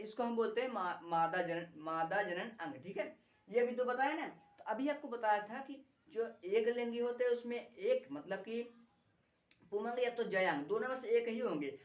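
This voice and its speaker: A woman teaching a biology lesson, repeating key terms and asking rhetorical questions as she explains a diagram. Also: a little high. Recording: echoey room.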